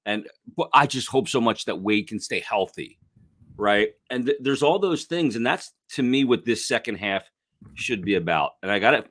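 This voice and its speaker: A man working as a hockey analyst, talking casually with a rough voice from illness, rambling with restarts. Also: fairly low pitch, animated, moderate pace, a bit bright, no room sound. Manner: rambling, restarts, self-deprecating. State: sick, rough voice. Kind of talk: casual sports chat.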